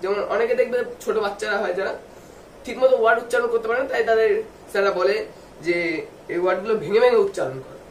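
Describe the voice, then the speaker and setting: High-voiced man teaching in an echoey room. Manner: spells words out slowly letter by letter; asks the viewers questions and answers them himself. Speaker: English tutor. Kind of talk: video lesson for students. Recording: echoey room, distant mic, faint background noise.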